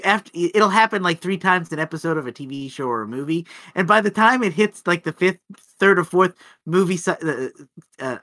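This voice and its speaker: A man's voice: sits high, bright, forceful tone. A man co-hosting a film podcast, chatting animatedly with stammering restarts. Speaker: podcast co-host. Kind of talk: casual film podcast chat.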